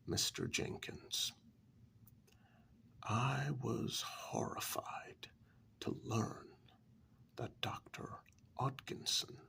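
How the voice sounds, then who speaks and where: In a soft-spoken ASMR story, a man plays a formal, compassionate asylum staffer, heavily acted. He speaks in a breathy, creaky half-whisper on the low side, with measured, deliberate pauses.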